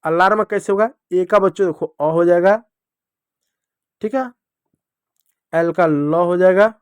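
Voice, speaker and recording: High-voiced man teaching phonics to children. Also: unhurried, clear, resonant tone, no room sound, clean studio sound. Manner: repetitive, asks and answers own questions. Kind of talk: classroom phonics lesson.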